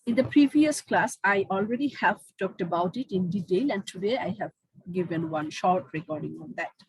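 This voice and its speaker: Breathy Bengali-accented woman teaching online. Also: medium pitch, poor audio. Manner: mixes English and Bengali, explains slowly in English. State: has a headache. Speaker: university teacher. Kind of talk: online class lecture.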